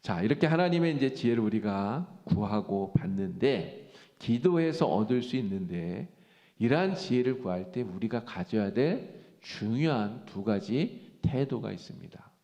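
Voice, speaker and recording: Animated Korean pastor, gravelly, echoing hall. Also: male voice, fairly low pitch, unhurried. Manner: animated preaching, acts out quoted speech. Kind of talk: sermon. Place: church sanctuary. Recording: church hall reverb.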